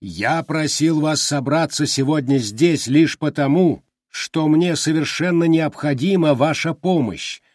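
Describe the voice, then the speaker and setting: Man doing the booming Glimmung creature. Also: a little mellow, no echo, studio quality. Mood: commanding. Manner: slow, booming, insistent. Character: vast ancient sea creature, commanding and deliberate.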